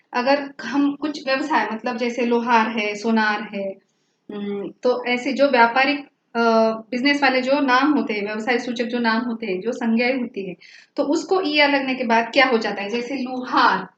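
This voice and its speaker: A woman with a high voice teaches a grammar lesson at a patient pace, saying each example word slowly and checking that her students follow. Her voice sounds roomy and a little dull, with a faint hiss behind it. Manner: patient, repeats words slowly, checks understanding. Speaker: Hindi teacher.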